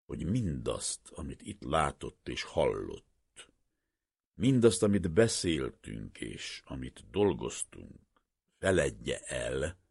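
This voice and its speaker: A man voicing an older, troubled professor who speaks slowly and solemnly, with earnest pleading. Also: very deep voice, darkish tone, husky, no room sound, clean studio sound, full character voice. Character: older male professor, grave and troubled scientist.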